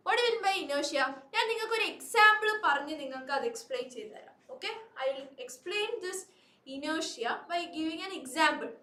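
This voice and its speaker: A very high-pitched woman teacher with a bright, forceful tone. She speaks slowly and coaxes her students with repeated prompts. The recording has a noticeable echoey room sound. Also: lively intonation, far from the mic. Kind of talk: live online class.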